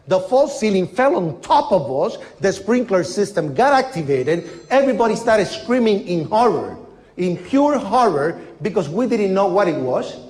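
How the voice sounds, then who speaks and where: A husky middle-aged man in an interview gives an emotional eyewitness account. His raised voice swoops up and down as he acts out bangs and shouts. He tells it in a lively, dramatic way. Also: high-pitched. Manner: animated storytelling that acts out sounds and shouts. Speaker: former building janitor recounting his experience.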